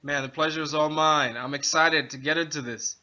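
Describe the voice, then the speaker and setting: A man hosting a casual author interview, upbeat and quick to laugh. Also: on the high side, steady tone, sharp tone, dull audio. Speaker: interview host.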